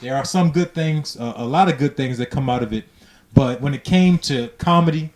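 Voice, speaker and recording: A man's voice: mid-range voice, normal speed, a little mellow. A young man co-hosting a podcast, talking in an emphatic, opinionated, slangy way. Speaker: podcast co-host. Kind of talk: casual chat.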